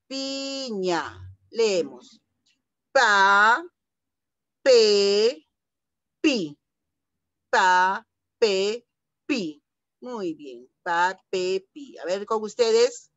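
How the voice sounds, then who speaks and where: Patiently breaking words into syllables, a middle-aged woman teaches young children to read in an online lesson as their primary school teacher. She has a mid-range voice, with no room sound and the high frequencies cut off.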